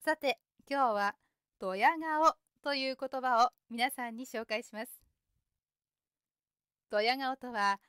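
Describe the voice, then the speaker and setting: A young adult woman hosting a scripted radio-style lesson for learners, explaining vocabulary in a clear, gentle, carefully paced way. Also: fairly high pitch, slow pace, long pauses, dry recording, studio quality. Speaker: host teaching Japanese vocabulary.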